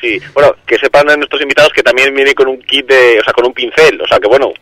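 Guy calling in on the phone, kinda hesitant, mid pitch, dry. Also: steady tone, quick pace, sharp tone, no echo. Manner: hesitant, many restarts and fillers. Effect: heard over a phone line. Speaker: radio call-in listener. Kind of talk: casual call-in chat.

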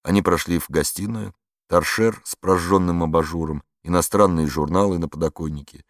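A man narrates literary prose in a measured, ironic manner. His voice is very low. The recording is close and dry, with no room sound. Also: no room sound. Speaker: audiobook narrator.

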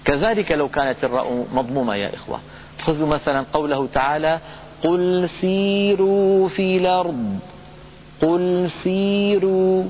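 A man giving a recitation lesson, explaining pronunciation rules in a calm lecture and chanting example words slowly. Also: mid-range voice, a little hiss or hum. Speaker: Quran recitation teacher. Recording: tinny phone-like lo-fi audio.

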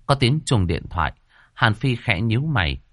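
A man narrating a horror fantasy novel as an audiobook with expressive, suspenseful storytelling. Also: fairly low pitch, moderate pace, no echo, studio quality.

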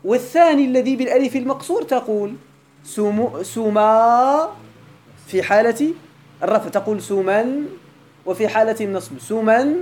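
A man with a Moroccan accent teaching grammar in a classroom lecture. He keeps checking that his students follow and repeats example words slowly for emphasis. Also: very high-pitched, a little mellow, slight background noise. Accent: Moroccan Arabic.

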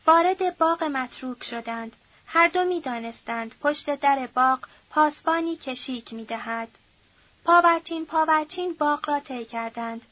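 A woman reading a novel aloud as an audiobook narrator, at a steady, measured pace. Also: sits high, no echo, dull audio. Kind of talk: scripted narration.

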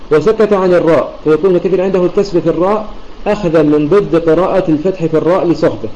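A man with a somewhat high, dark and mellow voice talks quickly through an online religious lesson. He explains methodically, circling back to restate each point. The sound is dull and lo-fi, like a computer mic in a voice chat room. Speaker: Quran recitation teacher.

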